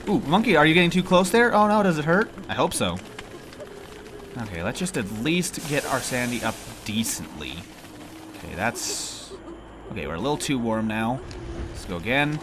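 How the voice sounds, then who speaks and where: A man with a lowish voice and lively intonation speaks a little fast, sounding nasal and congested from allergies. He's a gamer thinking aloud and grumbling while commentating on his own play, with game music and other background noise behind him.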